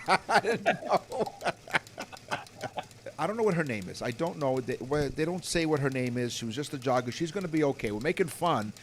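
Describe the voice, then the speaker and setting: Male co-host, animated pitch, pun-heavy banter, faint noise behind. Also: moderate pace. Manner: pun-telling, laughs often. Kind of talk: joking radio chat.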